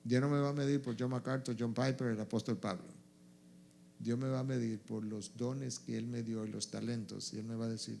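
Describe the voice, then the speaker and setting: A man's voice: medium pitch, vocal fry, warm tone, a little hiss or hum. A male pastor answering questions at a church event, stressing his points by repeating them. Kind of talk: church Q&A teaching.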